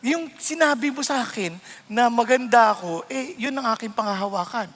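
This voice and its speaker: Bright, high-voiced, laughing male pastor. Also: moderate pace, long reverb tail. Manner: lively, laughing, mixes English into his preaching. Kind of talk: sermon.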